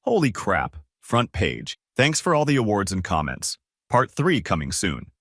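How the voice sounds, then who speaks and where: A man's voice: on the low side, huge pitch swings, unhurried, a bit bright, dry recording, studio quality. A man reading a first-person story aloud in a casual, conversational way. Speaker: narrator.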